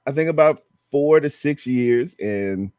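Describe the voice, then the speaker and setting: A man's voice: mid-range voice, expressive, unhurried, darkish tone, clean tone, no echo, clean studio sound. A man telling laid-back stories in casual chat, using slang. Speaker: podcast panelist.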